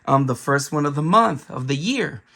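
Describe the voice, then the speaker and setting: Young male vlogger, bright gravelly voice, worn from a cold, rambly with fillers. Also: fairly high pitch, expressive, moderate pace. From Bay Area, California. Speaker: video game collector vlogger. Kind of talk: casual haul vlog.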